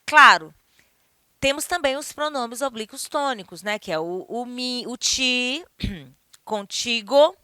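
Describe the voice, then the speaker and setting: Bright, crisp woman teaching. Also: on the high side, no room sound, clean studio sound. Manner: didactic, checks in with the class often. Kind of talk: recorded grammar lesson.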